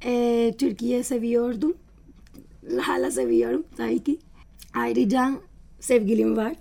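A woman in her twenties from Spain with a Spanish accent, answering casually in an interview in broken, halting learner's Turkish, often repeating and correcting words. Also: a little high, very animated, creaky, warm tone. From Valencia, southern Spain. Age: 20s. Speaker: interview guest, foreign student.

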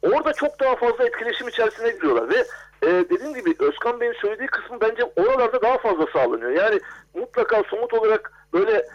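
A man speaking as an academic guest in a radio interview, hesitant, with many drawn-out filler sounds. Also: high voice, very animated. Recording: dull lo-fi phone line.

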